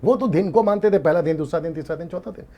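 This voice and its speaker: A man's voice: on the high side, fast talker, lo-fi sound. A male preacher teaching in a sermon style, emphatic, asking rhetorical questions and repeating his key points. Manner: mixes English words into his speech; rhetorical questions, occasional laughs.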